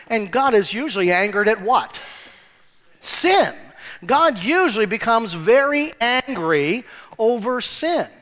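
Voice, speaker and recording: A high, bright-voiced male pastor preaches in a church, telling stories and acting out the voices of the people in them. He jumps sharply in pitch to stress a point, and his voice rings with a long church reverb. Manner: storytelling with acted-out voices in jokes; rises sharply for emphasis. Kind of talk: sermon.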